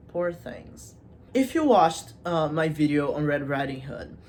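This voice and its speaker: The host of a literature video series, a woman with a low voice, walks through a literary analysis in a casual, chatty way. She's informal and playful, tossing asides to the viewer, and background noise can be heard.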